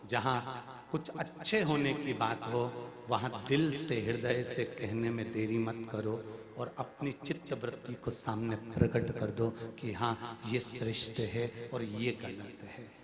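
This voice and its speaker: A man's voice: mid-range voice, fairly even intonation, takes it slowly, reverberant. A man preaching a live religious discourse to a large gathering, calling on the listeners to answer and building up his emphasis on key words. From central India. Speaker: devotional storyteller preacher.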